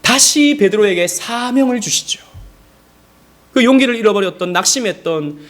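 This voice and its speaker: A male pastor preaching a Sunday sermon, telling stories with animation and speaking directly to his congregation. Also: fairly high pitch. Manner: animated storytelling, acting out quoted speech.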